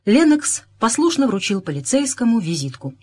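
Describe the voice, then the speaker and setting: Expressive woman narrating an audiobook. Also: on the high side, moderate pace, slightly rough. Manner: expressive reading, raising her voice for characters' lines. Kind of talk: scripted narration.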